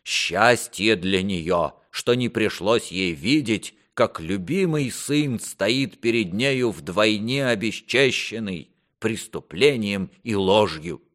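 A man voicing a stern, grieving old king who scolds his son in a raised, forceful voice. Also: lowish voice, expressive, slow pace, few pauses, pitched above the performer's own voice.

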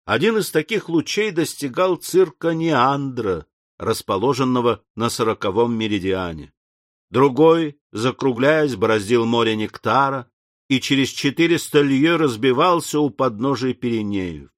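A man's voice: medium pitch, no room sound. Man narrating an audiobook, dry close sound. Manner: steady, deliberate reading. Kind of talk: scripted narration.

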